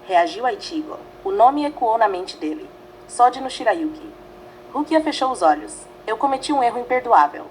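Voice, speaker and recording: A woman narrating a fanfiction story in a dramatic, measured way, reading in short phrases. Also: mid-range voice, slight background noise, low-quality recording.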